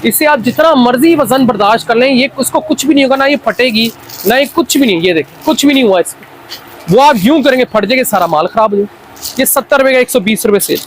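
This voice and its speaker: A man with a Pakistani accent making an unscripted hard-sell pitch as a wholesale seller, insistently repeating his lines. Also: a little fast, slight background noise, low-quality recording. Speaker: wholesale toy seller presenting stock.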